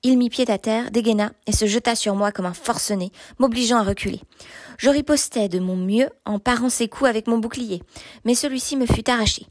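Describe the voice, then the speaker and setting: Audiobook narrator: a woman with a slightly high voice, measured first-person delivery, dry recording. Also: no room sound. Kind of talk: audiobook reading of a novel.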